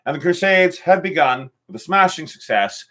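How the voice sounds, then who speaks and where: A man hosting a casual history podcast, his fairly high voice bright and forward. He rambles through the story with jokes and restarts. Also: lively intonation, normal speed. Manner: rambling and jokey, with filler and restarts. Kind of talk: casual joking history chat.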